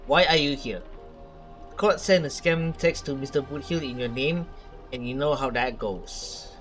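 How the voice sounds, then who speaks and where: A gaming streamer reads a video game's story aloud theatrically as he plays, reacting along the way. His voice is mid-range, a little slow and fairly bright, with soft music in the background.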